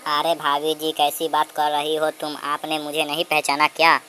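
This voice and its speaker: A man voicing a flattering, freeloading distant relative in a comedy sketch, soft and wheedling. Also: a little high, moderate pace, a little hiss or hum.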